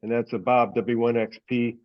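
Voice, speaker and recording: On a hobbyist teleconference, a man presents an informal, rambling, folksy update to the group. His mid-range voice keeps a steady tone at a normal speed, and the conference call audio sounds dull and lo-fi.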